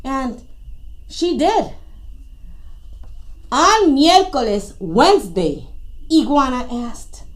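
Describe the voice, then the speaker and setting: A woman's voice: sits high, very animated, drawn-out words, long pauses. A woman reading a bilingual picture book aloud to children, adding playful asides. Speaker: guest reader.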